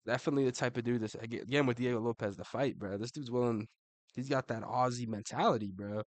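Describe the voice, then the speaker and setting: A male online commentator ranks fighters at a quick pace in a mid-range voice, on a dry recording. His commentary is laid-back and slangy, with cursing, endless "bro"s and laughter between remarks.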